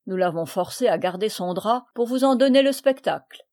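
A woman's voice: medium pitch, animated, unhurried. A woman reading the lines of a stern nobleman who scolds a thief in a firm, raised voice. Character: stern commanding nobleman, older husband and father.

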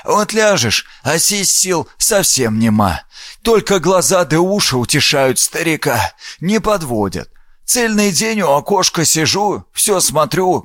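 A man voicing a frail, sly old peasant with a creaky, scratchy voice and fawning rustic speech, in an audiobook. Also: a little high, a bit bright, dry recording, studio quality, pitched above the performer's own voice, heavily acted. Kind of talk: audiobook character voice.

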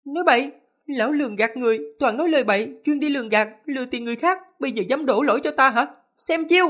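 A man reading a storybook, voicing a proud, cold young sorceress in a high put-on voice. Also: fast talker, a little mellow. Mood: scornful. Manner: haughty and scornful.

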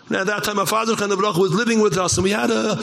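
Give me a high-pitched man delivering an impassioned rabbi's Torah lecture. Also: fairly even intonation, very fast, gravelly. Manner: impassioned, rising to shouts.

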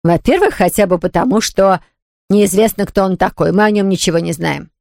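A woman's voice: mid-range voice, a little fast, creaky, a little mellow, studio quality, close to an everyday voice. Woman doing bossy old aunt, strict and scolding, no room echo. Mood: stern. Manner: firm, scolding, categorical. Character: stern elderly aunt, strict and self-pitying.

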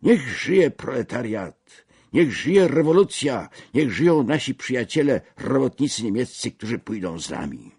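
A man's voice: medium pitch, very animated, measured pace, breathy edge, dry recording, clean studio sound, pitched above the performer's own voice, heavily acted. A man playing a fiery revolutionary agitator. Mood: rousing. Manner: rousing, declamatory speech with shouted slogans. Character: fiery male revolutionary agitator addressing workers.

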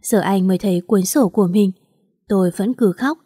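A woman reads a first-person romance audiobook in a soft, emotional manner. Her voice is mellow and dark. The recording is dry and close. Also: medium pitch, moderate pace, breathy edge, no room sound. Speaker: audiobook narrator.

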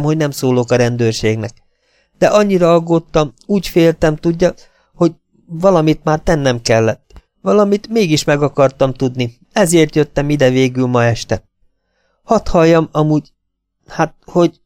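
A man's voice: on the high side, darkish tone, smooth, no room sound, studio quality, voice pushed up, lightly acted. A man voicing a worried young woman in an audiobook, speaking anxiously about her missing sister. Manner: anxious, pleading.

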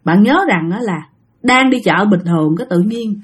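A woman's voice: mid-range voice, expressive, normal speed. A woman narrating a ghost story in a chatty way, repeating words for effect.

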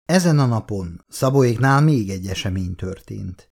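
Expressive male storyteller. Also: fairly low pitch, gravelly, slightly rough. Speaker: narrator. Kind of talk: storytelling narration.

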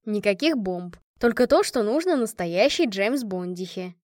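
A woman's voice: medium pitch, lively intonation, moderate pace, a little mellow, dry recording, clean studio sound, lightly acted. A woman reading the part of a squad commander in an audiobook, giving an affectionate, joking toast to her friend. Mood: teasing. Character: commander of a women's squad, warm and teasing.

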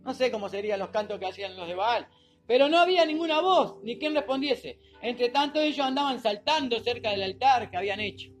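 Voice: mid-range voice, a little fast, very echoey, faint music behind, poor audio. A preacher giving a sermon, speaking conversationally and often asking the congregation questions. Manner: conversational, asks the congregation questions, acts out scenes.

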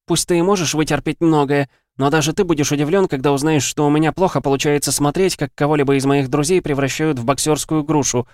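A man's voice: fairly high pitch, fairly even intonation, fast talker, hardly any pauses, no room sound, clean studio sound, voice pushed up, natural voice. Man doing a furious hot-headed young woman. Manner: snapping, shouting.

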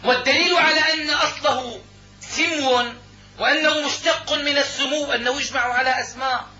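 A man's voice: very high-pitched, steady tone, fairly quick, bright, forceful tone, soft background music. A man lecturing on law and grammar, explaining step by step, asking and answering his own questions, and repeating key points. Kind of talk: classroom lecture. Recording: echoey room, dull lo-fi sound.

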